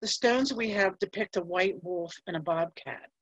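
A female museum curator presents history from a script, reading notes at a measured pace with a few fillers. Her mid-range voice is a bit bright. The audio is dry and dull.

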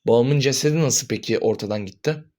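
A man's voice: mid-range voice, brisk, close to an everyday voice. [name]: a man voicing a defiant hot-headed young killer. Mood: shouting. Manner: defiant, shouting back in rage. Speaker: voice actor in amateur animated drama. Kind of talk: animated drama voice acting.

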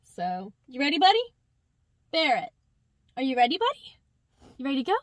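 A woman's voice: sits high, sing-song, moderate pace, dry recording. Chatty young woman filming in her car. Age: young adult. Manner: chatty, upbeat, talks to her dog. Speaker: vlogger. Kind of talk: casual chat to camera. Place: inside a parked car. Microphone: phone or camera at arm's length.

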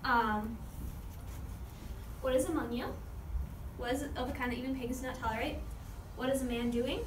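A woman's voice: high voice, steady tone, normal speed, background noise. A young woman reciting verses as a quiz contestant, hesitant and repeating phrases as she goes. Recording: echoey hall from far off.

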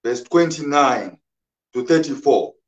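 A man preaching a sermon as a pastor, speaking slowly and emphatically and repeating his scripture references. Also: mid-range voice, animated, low-quality recording.

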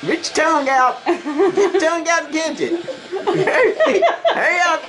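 A woman casually and excitedly coaching children through a home game, repeating her instructions with a giggly delivery. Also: very high-pitched, takes it slowly. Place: living room at home. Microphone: camera mic, behind the camera. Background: loud music.

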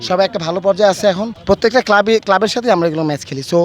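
A man's voice: high voice, very fast. A man from Dhaka giving an earnest, formal post-match statement as a club footballer, mixing in English words. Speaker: veterans football club player.

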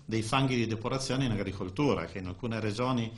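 Older guy presenting at a conference desk mic, lowish voice, lots of stops and restarts. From Italy. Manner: halting, with frequent restarts and fillers. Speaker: conference speaker. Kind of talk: technical presentation. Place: conference room, indoors. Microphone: desk microphone.

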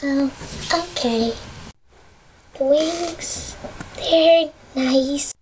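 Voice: high voice, a little mellow, slight background noise, poor audio. A girl doing a timid whispery pony. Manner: halting, stammering. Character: shy timid female pony, soft and hesitant.

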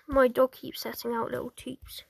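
A woman's voice: a little high, level tone, moderate pace, creaky, a little mellow, breathy edge, no echo. A woman gamer giving playful, jokey gameplay commentary to her viewers. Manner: chatty, jokey, talks to viewers.

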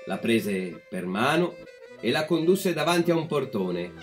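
A man reading a fairy tale aloud as a storyteller, calm and measured. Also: mid-range voice, faint music behind.

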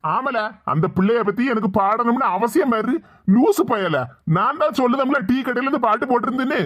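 A performer voicing a teasing cartoon father with a Tirunelveli Tamil accent. The voice is bright and sharp, recorded dry and close. He argues stubbornly and mocks the others. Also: medium pitch, no echo, muffled recording, natural voice. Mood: argumentative. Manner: mocking, sings in a drawn-out way, argumentative. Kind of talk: animated comedy sketch voice acting.

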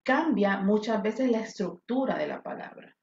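A woman's voice: medium pitch, lively intonation, moderate pace, vocal fry, a little mellow. A talkative woman teacher leads an online class. Her voice comes through a roomy, muffled connection with faint noise behind it. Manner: chatty, switches between English and Spanish. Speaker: English teacher. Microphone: video call. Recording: echoey, dull audio with faint noise.

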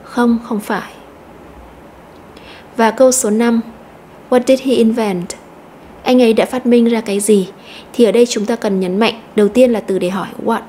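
A woman teacher explaining an English lesson step by step, slowly repeating each word to stress. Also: medium pitch, mellow, a little hiss or hum. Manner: methodical, repeats words slowly.

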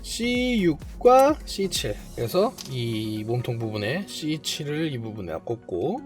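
A model kit reviewer giving hands-on build commentary, chatty and talking to themself while building, playfully boastful and quick with excited exclamations. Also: mid-range voice, faint music behind. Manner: playfully boastful, self-praising.

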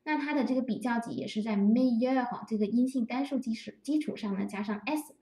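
Mellow-voiced woman teaching grammar, roomy echo. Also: fairly high pitch. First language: Chinese. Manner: patient, repeats and spells out example phrases slowly. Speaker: French teacher. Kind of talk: explaining grammar to learners. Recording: roomy echo, distant from the mic.

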